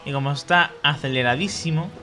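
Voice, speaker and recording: A man's voice: on the high side, brisk, sharp tone. Swearing man streaming gameplay over music. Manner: swears and mutters at the game. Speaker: gaming streamer. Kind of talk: live gameplay commentary. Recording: game music behind the voice.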